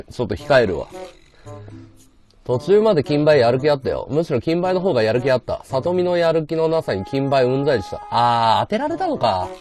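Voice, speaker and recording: A man's voice: mid-range voice, a little mellow. A man livestreaming in casual chat, talking in blunt slang and answering viewer comments.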